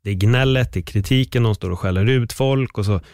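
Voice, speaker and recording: Low-voiced man in reflective chat. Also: darkish tone, dry recording, studio quality. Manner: reflective, earnest, swears casually. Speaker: podcast host. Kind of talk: casual conversation.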